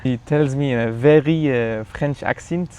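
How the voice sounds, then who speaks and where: A man chatting as a guest in a casual backyard interview, telling a story in a relaxed, rambling way with fillers. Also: mid-range voice, normal speed, smooth.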